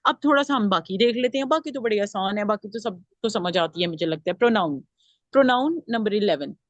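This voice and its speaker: A woman's voice: medium pitch, lively intonation, fairly quick, no echo, highs cut off. A woman teaching a grammar class, explaining step by step and putting questions to her students. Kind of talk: classroom lesson.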